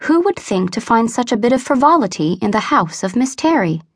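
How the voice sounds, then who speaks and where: A woman's voice: on the high side, big pitch swings, a little fast, slightly rough, no room sound, studio quality. Woman reading a classic story. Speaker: audiobook narrator. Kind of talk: scripted storybook narration.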